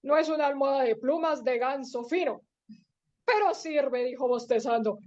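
Woman storyteller for little kids, high-pitched, playful sound effects, muffled lo-fi audio. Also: moderate pace, a little mellow. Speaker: storyteller for young children. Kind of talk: bedtime story told to children. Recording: dull lo-fi recording.

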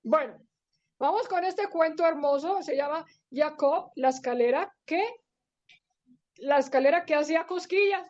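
A woman telling a bedtime story to young children, playful and animated, with silly sound effects and diminutives, on a dull lo-fi recording. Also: sits high, moderate pace.

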